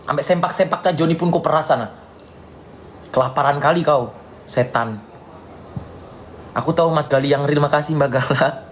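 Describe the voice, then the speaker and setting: A man from Indonesia in a live stream rant, angrily insulting someone in a repetitive, taunting tirade while answering viewer comments, filling pauses with "ya". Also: fairly high pitch, slight background noise. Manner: repetitive, peppered with "ya".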